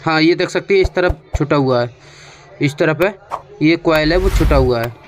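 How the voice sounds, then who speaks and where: At a normal speed and in a slightly high voice, a man with an Indian accent guides viewers through a hands-on repair as a technician, conversational and often repeating his instructions. Soft music plays in the background, which is clearly noisy.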